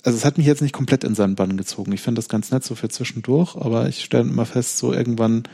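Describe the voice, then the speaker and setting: Gravelly, mellow-voiced man. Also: mid-range voice, steady tone, quick pace. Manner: hesitant, many fillers and restarts, thinking aloud. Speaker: podcast co-host. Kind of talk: casual chat.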